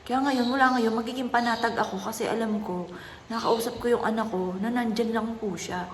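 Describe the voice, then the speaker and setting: A woman, a mother telling a personal story in a soft, earnest, polite way. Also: fairly high pitch, steady tone, brisk. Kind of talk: casual vlog talk. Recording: echoey room with faint noise.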